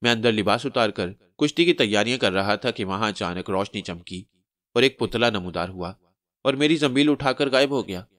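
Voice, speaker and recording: A man voicing a skinny, panicky male trickster who shouts in flustered bursts. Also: fairly low pitch, expressive, normal speed, no room sound.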